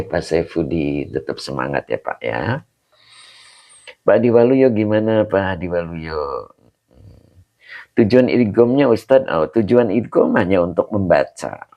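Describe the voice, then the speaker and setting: A man with a hoarse, very deep voice teaching a live online class as an Islamic teacher, explaining patiently and tagging phrases to his listeners. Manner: explains patiently, ends phrases with "begitu, Pak". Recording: dull lo-fi livestream audio.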